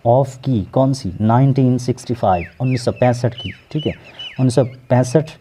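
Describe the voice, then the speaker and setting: A man with a Pakistani accent, working as an English teacher and explaining a textbook lesson slowly, word by word, repeating terms to drill pronunciation. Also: medium pitch, warm tone, slight background noise. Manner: slow word-by-word translating, repeats words for pronunciation.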